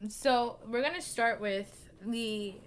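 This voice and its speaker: Speaking slowly in a slightly high voice, a young woman co-hosting a book podcast chats casually and retells scenes at length, peppering her talk with "like" and "you know."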